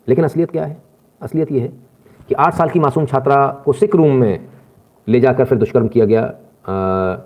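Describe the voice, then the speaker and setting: A man giving opinionated news commentary, lecturing his viewers in an indignant tone. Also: medium pitch. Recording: tinny phone-like sound.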